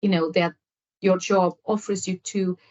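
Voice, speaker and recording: A woman's voice: lowish voice, fairly even intonation, measured pace, dark tone. A woman guest on a nursing podcast whose first language is Portuguese, answering at length with many fillers and restarts. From Angola. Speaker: nurse guest. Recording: slightly dull lo-fi audio.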